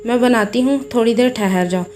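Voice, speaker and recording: A woman voicing a meek, mistreated young wife who pleads softly, in a storybook tale. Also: a little high, fairly quick, faint music behind, natural voice. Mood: pleading.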